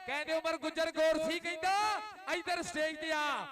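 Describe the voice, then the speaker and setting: A man with a Pakistani Punjabi accent giving loud, exclamatory, repetitive rural sports commentary as an announcer. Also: extremely high pitch, steady tone, normal speed. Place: outdoor village kabaddi ground. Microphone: live commentary microphone. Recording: loud outdoor crowd behind PA commentary.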